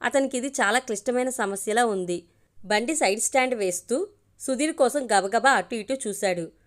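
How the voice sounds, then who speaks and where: A woman narrates an audio story in a steady, expressive read-aloud manner. Her voice sits somewhat high and keeps an even storytelling pace. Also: moderate pace.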